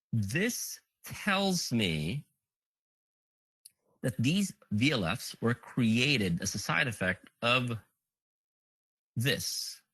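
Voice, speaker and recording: Bright-voiced man walking through a demo. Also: medium pitch, breathy edge, no room sound, rough recording. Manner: thinks aloud, counts items on screen, frequent fillers. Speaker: conference presenter. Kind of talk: live technical demo walkthrough.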